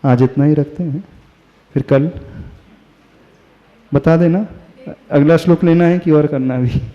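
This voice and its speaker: A man, a Jain monk, delivering a devotional sermon, asking his listeners questions and chanting verses slowly. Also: a little high. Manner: slow, asks the audience questions. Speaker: Jain monk giving a discourse. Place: hall with listeners. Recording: reverberant hall, dull lo-fi sound.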